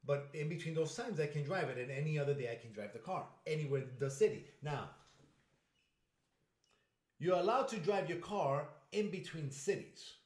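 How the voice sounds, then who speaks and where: A man co-hosting a podcast in casual chat, telling stories with lively acted-out quotes. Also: a little high, moderate pace. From United States. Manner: animated storyteller, acts out quotes. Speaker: podcast co-host. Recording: roomy echo.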